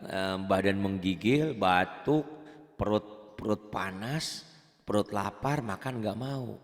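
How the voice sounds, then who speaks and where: A man's voice: on the low side, slow, in a large hall. A man with a Javanese accent teaching Quran reading in an online lesson, chatting and drilling syllables. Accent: Javanese Indonesian. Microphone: online call.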